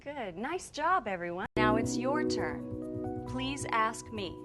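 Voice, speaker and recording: Slow, clear woman teaching English. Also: a little high, lively intonation, loud music behind the voice. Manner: clear, drilled teacher delivery. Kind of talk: slow scripted English lesson.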